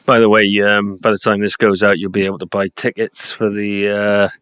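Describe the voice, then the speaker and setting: A man's voice: lowish voice, flat delivery, brisk, fairly bright tone, clear, resonant tone, no echo, clean studio sound. A man hosting a casual podcast chat, upbeat and often restarting his sentences. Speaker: radio show host.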